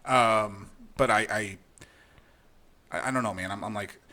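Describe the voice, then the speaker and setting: Dude on a podcast, bright forceful voice, super frank, keeps restarting sentences. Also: male voice, fairly low pitch, unhurried. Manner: opinionated, frank, restarts a lot. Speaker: podcast co-host. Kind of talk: casual chat.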